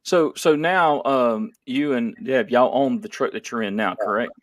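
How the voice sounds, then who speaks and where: A man's voice: mid-range voice, measured pace, no room sound. A male podcast host in a middle register asks short, easygoing questions and nods his guests along. The sound is dry and close. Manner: short prompting questions, relaxed and affirming. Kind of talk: interview questions.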